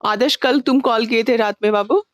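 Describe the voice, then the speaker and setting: A woman's voice: a little high, a little fast, no echo, dull audio. A woman teaching an online class, patient and coaxing with her students, mixing English terms into her talk over a video call. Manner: mixes Hindi with English terms.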